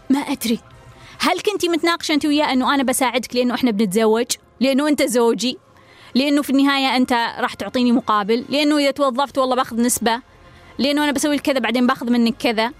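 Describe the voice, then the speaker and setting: A woman giving relationship advice, blunt and direct, firing repeated pointed questions. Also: fairly high pitch.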